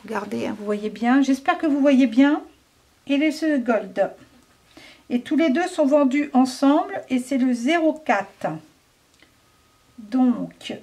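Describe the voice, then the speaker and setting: High-voiced, unhurried French woman reviewing. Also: animated, darkish tone. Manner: chatty, hesitant, thinks aloud with many fillers. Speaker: craft product reviewer. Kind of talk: casual product review.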